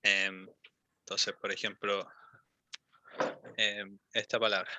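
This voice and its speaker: A young man coaching a student's English pronunciation over a call. He is patient, models each word slowly and fills gaps with ums and eh. His voice is bright and sharp, recorded dry and close. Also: on the low side, little pitch movement, dry recording. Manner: patient, repeats and models words slowly, many fillers. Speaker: English teacher.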